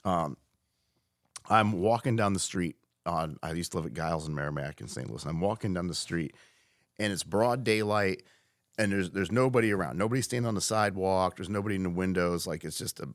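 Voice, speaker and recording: Low, dry-voiced man telling a story. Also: no room sound. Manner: loose, profane, halting with restarts. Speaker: podcast guest. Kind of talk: casual storytelling chat.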